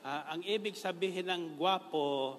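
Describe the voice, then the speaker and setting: A man's voice: sits high, unhurried, a bit bright, in a large hall, slight background noise. A Filipino-accented man preaching a sermon in a jokey way, laughing often and slipping English phrases in.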